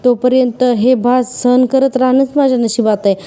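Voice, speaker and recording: Brief: a woman plays a tearful young woman, pleading and insistent, soft dark timbre. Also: on the high side, steady tone, moderate pace, close to an everyday voice.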